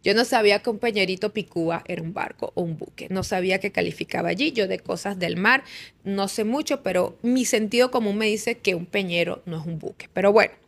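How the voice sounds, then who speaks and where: A woman's voice: mid-range voice, brisk, vocal fry. A woman from Venezuela with a Venezuelan accent, hosting a political commentary show in an emphatic, indignant way, full of rhetorical questions.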